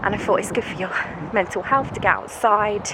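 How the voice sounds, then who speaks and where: A British woman, a vlogger and schoolteacher, walks through the woods chatting casually to camera, self-mocking and laughing often, her nose congested and bunged-up. Her voice is mid-range and a little fast, and the noisy outdoor camera recording catches ambience and passing vehicles.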